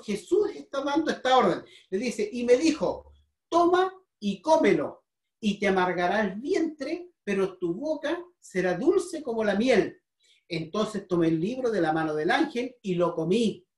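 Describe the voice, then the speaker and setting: A woman's voice: medium pitch, darkish tone. A woman with a Chilean accent teaching a Bible lesson, asking the congregation questions and often repeating her words. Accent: Chilean Spanish. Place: church hall. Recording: roomy, from a distance.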